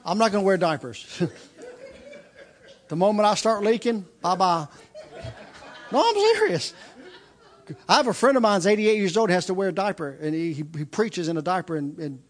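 A man in his mid-fifties preaches to his congregation, his voice sitting notably high for a man. He hammers his points with repetition, circling back on phrases and restarting sentences as he goes. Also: expressive, moderate pace, pauses often. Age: 50s. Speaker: pastor. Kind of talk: sermon.

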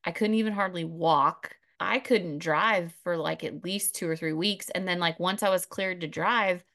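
A woman's voice: fairly low pitch, normal speed, fairly bright tone. A woman co-hosting a podcast, telling stories in a casual chat and laughing easily. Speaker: podcast co-host.

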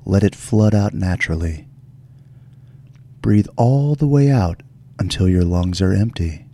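A man hosting a guided relaxation meditation in a soft, soothing, gentle delivery. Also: low voice, animated, a little slow. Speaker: show host.

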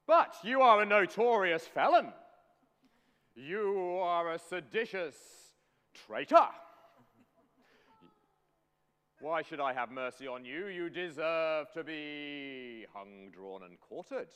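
A man's voice: medium pitch, measured pace, hardly any pauses, fairly bright tone, smooth, close to an everyday voice. A man playing an imperious king who scornfully questions a prisoner, in a long reverberant hall. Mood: stern.

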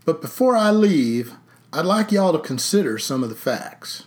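A man's voice: fairly high pitch, very animated, moderate pace, voice pushed up. A man voicing a sixty-three-year-old small-town sheriff who speaks in a folksy, wry drawl. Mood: forceful.

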